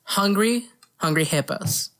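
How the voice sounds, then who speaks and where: Speaking a little slowly in an expressive, somewhat bright medium-pitched voice, a woman co-hosts a podcast about pop culture. Their casual talk covers movies and games, and she is opinionated and argumentative, with casual swearing.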